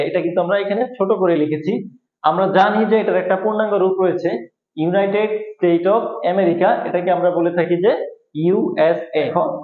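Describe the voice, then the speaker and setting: A man teaching an English lesson at a board, explaining slowly and repeating each point. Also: sits high. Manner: slow, repetitive explaining, spelling out letters. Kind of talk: whiteboard lesson. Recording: echoey room, tinny phone-like sound.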